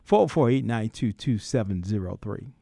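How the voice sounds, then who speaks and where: A man's voice: lowish voice, animated, normal speed, vocal fry, dark tone, no room sound. A man hosting a call-in radio talk show, folksy and preacherly, voice rising and dropping in emphatic bursts. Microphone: studio microphone.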